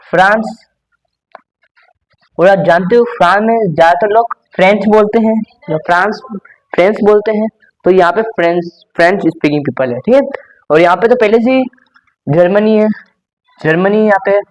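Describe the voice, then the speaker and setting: A man's voice: high voice, poor audio. A young man teaching a class lesson, explaining step by step, repeating himself and saying "okay" often.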